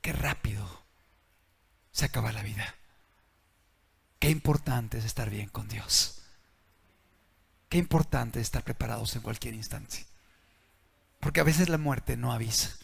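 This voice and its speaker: A man preaching a sermon in a dramatic way, dropping to a hush and then shouting. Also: medium pitch, unhurried, gravelly, pauses often, husky. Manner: dramatic, swings between hushed and shouting.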